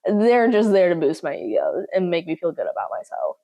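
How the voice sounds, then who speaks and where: A woman's voice: fairly low pitch, very animated, a little fast, vocal fry, mellow. A young woman with a slight Southern accent, chatting casually and playfully to the camera as a vlogger, often poking fun at herself. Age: young adult. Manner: chatty, playful, self-mocking.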